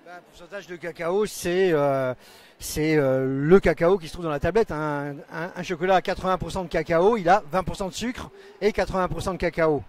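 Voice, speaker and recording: A man's voice: a little high, normal speed, darkish tone. A man in his forties hosting a live stream from a trade stand, explaining at length into a handheld mic in a large indoor exhibition hall. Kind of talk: live event interview and explanation.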